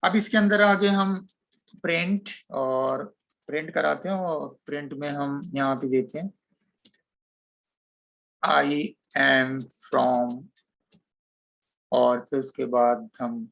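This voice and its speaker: Guy teaching coding online, gravelly voice, goes step by step as he types. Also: medium pitch, fairly even intonation, slow, long pauses, fairly bright tone, poor audio. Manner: explains step by step while typing code.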